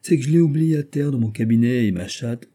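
A man's voice: mid-range voice, a little fast, warm tone, close to an everyday voice. A man reading a dreamy, scatterbrained old-time poet. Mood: eager. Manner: rambling, eager, self-mocking. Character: dreamy absent-minded middle-aged male poet. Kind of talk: audiobook character voice.

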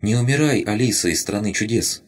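A man's voice: lowish voice, lively intonation, brisk, voice pushed up. A man voicing a tiny, frightened male creature that lives in a crystal, talking in broken, childlike short phrases.

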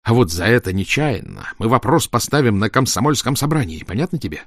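A man's voice: medium pitch, big pitch swings, fast, dry recording, clean studio sound, voice pushed up. A man voicing a broad-shouldered, bossy teenage stage manager who barks and growls orders. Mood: scolding.

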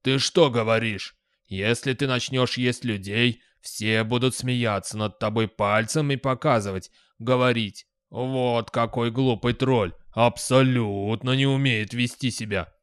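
A man doing a slow, booming troll. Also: steady tone, a bit bright, clean tone, no room sound, studio quality, natural voice. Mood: booming, friendly. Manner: slow, booming, drawn-out speech. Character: huge good-natured male troll, proud of his manners. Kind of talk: audiobook character voice.

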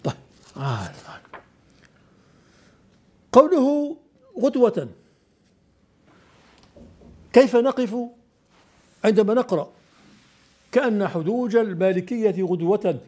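A man's voice: high-pitched, sing-song, slow, pauses often, darkish tone. An older man teaching classical Arabic poetry, explaining step by step and questioning his student.

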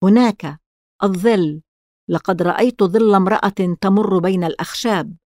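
A woman's voice: mid-range voice, normal speed, a little mellow, dry recording, lightly acted. Sinister mocking stranger in a storybook, dry and close, as a woman narrator puts him on. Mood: frightened. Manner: sneering, curt. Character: sinister mysterious man, sneering and easily frightened.

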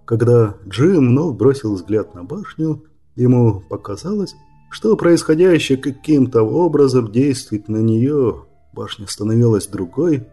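A man reading a fantasy audiobook in an even, measured way. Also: mid-range voice, breathy edge, soft background music. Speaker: narrator. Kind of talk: audiobook narration.

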